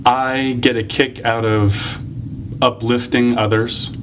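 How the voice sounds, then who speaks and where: Man in his thirties, teasing interviewer, mid-pitched voice, hissy background. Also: little pitch movement, a bit bright. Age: 30s. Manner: playful, teasing, quick questions. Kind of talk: casual interview. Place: elevator.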